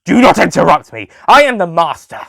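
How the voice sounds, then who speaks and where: Guy doing a smug gloating sci-fi villain, theatrical, quick temper, plotting stuff, close dry audio. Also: high voice, big pitch swings, creaky, sharp tone, no room sound, pitched above the performer's own voice, exaggerated voice. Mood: furious. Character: scheming, smug male alien villain with volatile temper.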